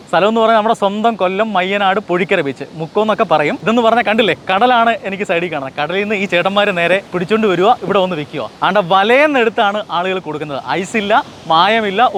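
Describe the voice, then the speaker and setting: Fast, high-voiced man presenting outdoors. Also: a bit bright. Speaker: vlog host. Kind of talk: enthusiastic on-location presenting to viewers. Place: outdoors on a beach by the sea. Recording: noisy outdoor location with rumble.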